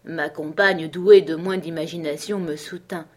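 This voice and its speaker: A woman narrating an audiobook in a measured, dramatic reading voice. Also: sits low, steady tone. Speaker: audiobook reader.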